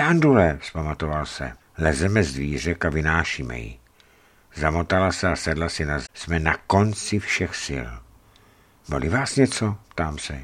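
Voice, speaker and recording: A man reading his own travel memoir aloud in a tense, measured storytelling manner. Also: rumbling low, fairly bright tone. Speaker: narrator of his own desert journey.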